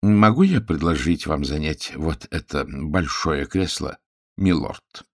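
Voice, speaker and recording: A man's voice: very deep voice, lively intonation, slow, no room sound, studio quality, exaggerated voice. A man voicing a fussy, precise middle-aged Belgian detective in an audiobook, pompous and pedantic. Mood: measured.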